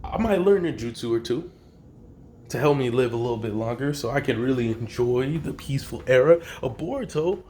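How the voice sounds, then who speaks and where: Profane, animated male storyteller. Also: medium pitch, brisk, slight background noise. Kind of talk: casual improvised storytelling.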